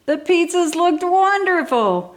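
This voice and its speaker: The reader, who narrates stories for a toddler channel, voices a scripted children's storybook with enthusiastic, exaggerated emphasis for young listeners. Her voice is extremely high-pitched and expressive, and she reads slowly.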